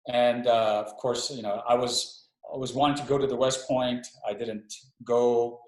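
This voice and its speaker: A middle-aged man from Hawaii who serves as an Army chaplain is a webinar interview guest, recorded via video call with a roomy echo. His mid-range voice is a little mellow, with little pitch movement and normal speed, and he often restarts sentences in a reflective, slightly hesitant way.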